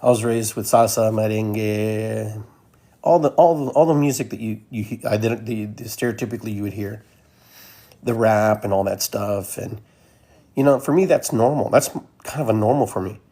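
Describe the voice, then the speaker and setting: A Peruvian podcast host delivers a loose, rambling casual monologue that keeps circling back to the same phrases. His voice is lowish and dark, at a moderate pace.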